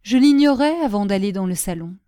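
A man who has sold his soul, icy and mocking, speaks with calm menace in a spoken storybook. A woman reads him, keeping her voice mellow and warm but flat with contempt. Nothing rattles him. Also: medium pitch, a little fast, clear, resonant tone, no room sound, clean studio sound, close to an everyday voice. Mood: cold menace. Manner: cold, cutting, sneering. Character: demonic male cashier, cold and scornful. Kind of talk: audiobook character reading.

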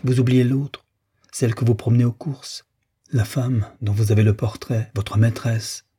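Male reader doing a sorrowful, restrained wife; soft, plaintive, dark-toned. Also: medium pitch, steady tone, normal speed, husky. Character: grieving, yearning bourgeois wife in her thirties. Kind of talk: audiobook character reading.

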